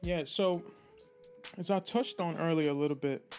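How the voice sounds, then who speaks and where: A man's voice: a little high, normal speed, a little mellow, faint music behind. A young man from Haiti, a guest in a casual interview, telling his life story in a candid, streetwise way.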